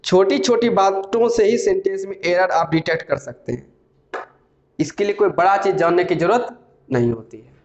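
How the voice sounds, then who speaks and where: A man teaching English grammar in Hindi, explaining step by step and asking and answering his own questions, reading English sentences out slowly. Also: high voice. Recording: echoey room, slightly dull sound.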